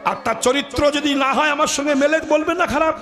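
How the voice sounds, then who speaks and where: A man's voice: very high-pitched, brisk. A man from Bengal preaching a devotional kirtan sermon, blunt and rhetorical, questioning his audience over devotional music.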